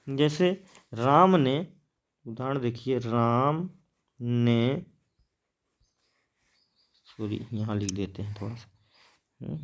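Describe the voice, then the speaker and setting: Slow, patient male grammar teacher. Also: mid-range voice. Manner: slow, repeats words while writing examples; asks and answers his own questions. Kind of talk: grammar lesson at a board.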